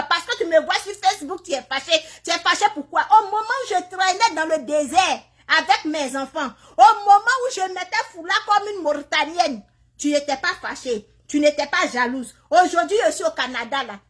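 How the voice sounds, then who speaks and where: This Canadian phone video features a woman whose voice is high and fairly bright, moving at a moderate pace. Telling the story of her migration straight to camera, she pleads passionately. Over and over she fires sharp, scolding questions at other mothers, lecturing them in a preachy way.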